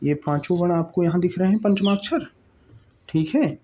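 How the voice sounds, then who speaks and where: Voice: mid-range voice, normal speed, dark tone, slight background noise. A teacher giving an exam-prep lesson, repeating each term and asking the class rhetorical questions, checking in often with "okay?".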